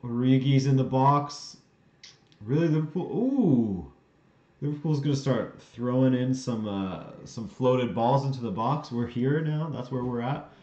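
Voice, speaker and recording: A man from western Canada hosts a live watchalong, reacting to the play and answering chat questions in a relaxed, offhand way. His voice sits at an ordinary middle pitch. The sound is roomy and somewhat dull, like a lo-fi streaming setup. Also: moderate pace, hardly any pauses. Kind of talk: casual live watchalong commentary.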